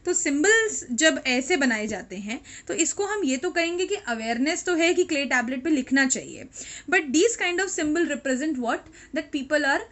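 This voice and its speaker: A woman's voice: high-pitched, very animated, measured pace, fairly bright tone. A woman with an Indian accent giving a history lecture to students, switching between Hindi and English and often checking in with "right?". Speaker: teacher. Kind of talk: classroom lecture.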